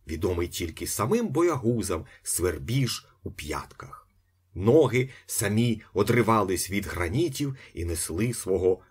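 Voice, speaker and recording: A man reading a novel aloud as an audiobook, with expressive storytelling narration. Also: lowish voice, husky. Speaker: audiobook reader. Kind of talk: scripted narration.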